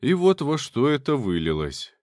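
A man's voice: medium pitch, wildly swooping pitch, normal speed, darkish tone, dry recording, clean studio sound. A man giving casual first-person audiobook narration in a wry, colloquial manner.

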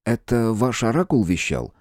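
Guy reading as polite stern old-style detective, mellow voice, dry sound. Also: lowish voice, very animated, dry recording, voice pushed up. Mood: firm. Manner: measured, courteous, formal. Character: calm, firm gentleman detective of old times. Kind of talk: audiobook character voicing.

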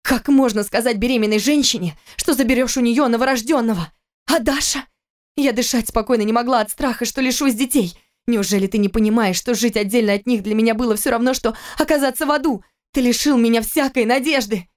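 A woman's voice: fairly high pitch, brisk, a little mellow, pitched above the performer's own voice, lightly acted. A woman reading an audiobook, voicing a furious, bitter young wife and mother who accuses her husband in a raised, heated voice.

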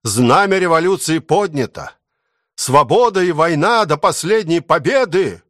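A man's voice: on the high side, animated, measured pace, a bit bright, no echo, studio quality, voice pushed up. A man playing a pompous, speechifying commissar. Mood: declaiming. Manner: declamatory, rousing. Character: pompous middle-aged male army commissar, speechifying.

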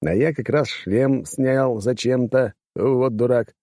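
A man reading a first-person audiobook in a brash, coarse, lively way, close to the mic. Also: medium pitch, takes it slowly, no echo. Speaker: audiobook reader.

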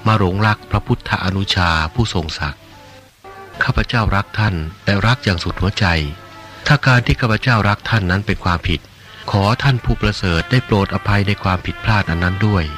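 A man voicing a grieving, lovesick young nun in an audiobook reading of a religious novel, pleading slowly through sobs. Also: on the low side, fairly bright tone, soft background music, natural voice. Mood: pleading, tearful. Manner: slow, sobbing, pleading.

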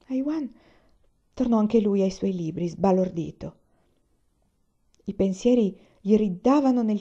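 A woman reads a novel aloud in a steady, measured voice. Her tone is mellow and warm, and the recording sounds dull and lo-fi. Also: medium pitch. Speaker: audiobook reader.

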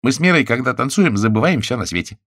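A man's voice: medium pitch, animated, quick pace, fairly bright tone, no room sound, clean studio sound, voice pushed up. A man voicing a jolly plump alien husband who clowns around and sings out of tune. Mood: jovial. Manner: boisterous, sing-song.

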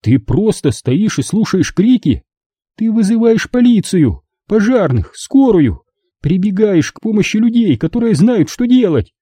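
A man's voice: sits high, big pitch swings, unhurried, dark tone, breathy edge, no echo, studio quality, voice pushed up, exaggerated voice. A man voicing an angry, frightened mother who scolds and pleads with her teenage son in an audiobook. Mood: angry scolding. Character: frightened angry mother, middle-aged woman. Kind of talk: audiobook reading.

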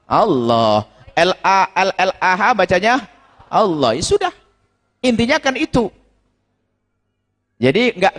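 Male preacher, high voice, emphatic teacher fielding questions, long echoing hall sound. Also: a bit bright. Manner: emphatic, explanatory, repeats key words. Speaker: preacher answering audience questions. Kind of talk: religious Q&A lecture.

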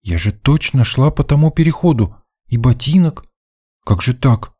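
An eager, curious young woman explorer in an audiobook, put on by a man reading it. Her voice jumps up high and excitable, yet keeps a soft, warm grain underneath. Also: normal speed, dry recording, clean studio sound, natural voice. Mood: anxious. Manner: high-pitched, excitable girlish voice. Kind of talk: audiobook character voice.

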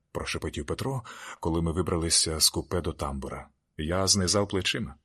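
A man with a very low voice reads a novel aloud in the first person. His narration is steady and measured, a plain audiobook reading. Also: husky.

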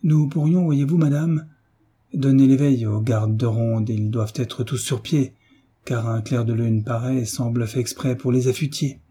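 A man reading the part of a sturdy farmer guiding a lady, steady and respectful. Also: mid-range voice, unhurried, husky. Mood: reassuring. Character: sturdy, calm, dutiful male farmer guide.

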